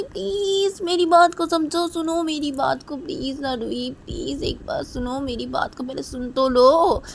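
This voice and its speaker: An anxious young woman lover, put on by a woman telling the story begs again and again. Her pleas climb high, with faint hiss behind them. It is plain amateur storytelling, not polished acting. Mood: pleading. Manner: repeats pleas over and over. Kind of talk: amateur story narration with voices.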